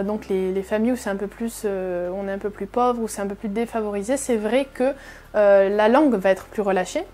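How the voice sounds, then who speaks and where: A woman's voice: fairly high pitch, darkish tone. A woman hosting a reaction video, explaining casually with many fillers and frequent restatements. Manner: chatty, many fillers and repeated "effectivement".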